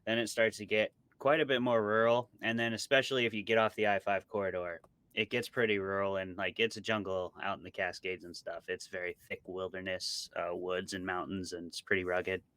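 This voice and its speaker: This man has a deep, level voice, fairly bright in tone, and talks a little fast with no room sound. He's a horror writer from a small Montana town with an American accent, giving casual interview answers full of self-deprecating humor.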